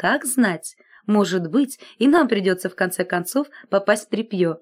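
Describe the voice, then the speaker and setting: Expressive woman reading a fairy tale. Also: mid-range voice, moderate pace. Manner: expressive storytelling. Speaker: narrator. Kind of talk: scripted fairy-tale narration.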